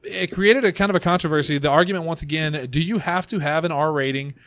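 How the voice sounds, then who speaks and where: His voice sits a little high and a bit bright, and he talks fast. He's the host of a casual group podcast, gathered around a table in a small room, rambling and joking at his own expense even as his voice fades.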